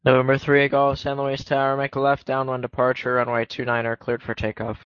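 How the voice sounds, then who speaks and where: A man working as an air traffic controller, issuing clearances in clipped radio phraseology. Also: mid-range voice, completely flat delivery, a little fast, dry recording. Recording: dull lo-fi radio audio.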